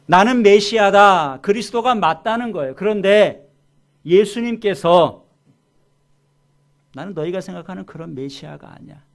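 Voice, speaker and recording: A man preaching a sermon as pastor. He swings from loud, emphatic lines to low, quiet asides, slows down to stress key words, and asks the congregation questions. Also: lively intonation, vocal fry. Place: church sanctuary.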